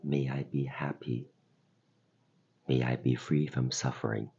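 With a very deep, husky voice, a man leads a meditation slowly, speaking in gentle, soothing phrases and leaving pauses between instructions. His intonation stays fairly even, and the recording has a somewhat dull quality. He is a meditation guide and podcast host.

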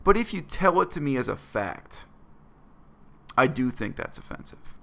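A man's voice: medium pitch, sing-song, normal speed, creaky. A man, talking earnestly and bluntly to his webcam in a small bedroom. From Canada. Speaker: vlogger. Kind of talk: reflective personal monologue to camera.

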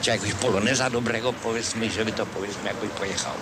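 A man's voice: fairly low pitch, steady tone, fast talker, very noisy. A man speaks hesitantly in a spontaneous street interview. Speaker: interviewed spectator. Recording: outdoor sound under loud music.

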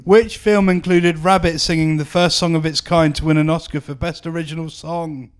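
Brief: male quizmaster, matter-of-fact delivery, slightly high, smooth. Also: steady tone, moderate pace. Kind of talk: reading quiz questions.

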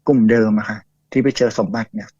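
A man's voice: mid-range voice, steady tone, fast, warm tone, no echo. A man telling a ghost story to a host in a chatty, casual way, full of fillers and acted-out quotes. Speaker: guest storyteller. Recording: dull lo-fi dry audio.

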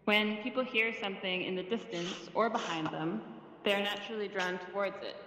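A woman speaks as a sound designer giving a talk, explaining her points calmly and pausing on the occasional filler. Her voice sits at a middle pitch. It carries a long, roomy reverb, as if heard in a large hall, with a faint ambience underneath. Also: slight background noise. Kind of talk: presentation talk. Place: virtual museum space.

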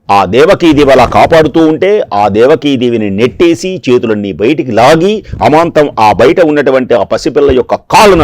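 A man's voice: mid-range voice, dry recording. Dramatic male storyteller at a sermon. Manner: dramatic, repeating phrases for emphasis. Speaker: discourse speaker.

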